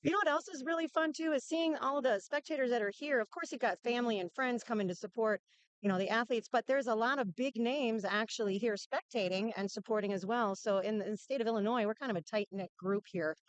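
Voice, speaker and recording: A woman's voice: fairly high pitch, fast talker, clean tone, dry recording. A woman from Minnesota co-commentating at a strongman competition in a friendly, upbeat way. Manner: friendly, upbeat, laughs often. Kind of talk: live event commentary.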